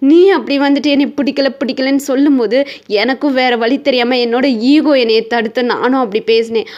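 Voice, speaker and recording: A man's voice: extremely high pitch, steady tone, fairly quick, lo-fi sound. A woman voicing a possessive young male kidnapper who keeps pleading with his wife, in an insistent, repetitive way. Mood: defensive. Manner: insistent, repeating lines over and over.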